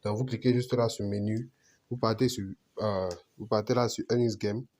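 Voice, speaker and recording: A man's voice: on the low side, flat delivery, normal speed, darkish tone. A man hosting a betting channel, talking through a screen-recorded tutorial and often repeating and restarting his phrases. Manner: repetitive, restarts phrases, asks "vous comprenez"; apologizes for his accent.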